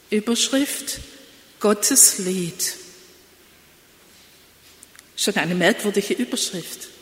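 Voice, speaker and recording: Slow woman preaching in an echoey church. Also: mid-range voice. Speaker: pastor. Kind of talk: sermon. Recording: echoey church with long reverb.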